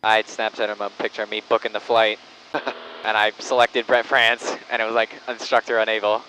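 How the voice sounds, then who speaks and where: A man's voice: lowish voice, level tone, fairly quick, bright, forceful tone, a little hiss or hum, poor audio. A man piloting a small plane, chatting casually in the cockpit. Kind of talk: casual chat.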